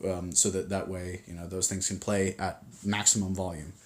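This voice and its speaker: A man talks into a phone as he hosts a casual livestream, rambling from point to point and reading viewer comments aloud. He is full of fillers and restarts, and his voice sits on the low side. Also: level tone, normal speed. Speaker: livestream host.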